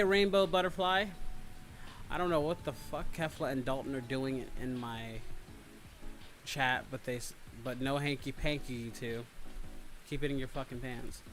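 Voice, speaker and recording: This livestream host is a man with a medium-pitched, fairly even voice who speaks at a measured pace with long pauses. Background music plays behind him as he chats casually and rambles with listeners, sometimes getting profane.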